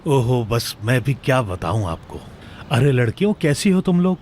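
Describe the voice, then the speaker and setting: A man plays a genial, older family elder in a dubbed TV drama. His greetings are hearty and warm-toned at a middle pitch. A faint background noise runs under the voice. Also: sing-song, moderate pace, close to an everyday voice.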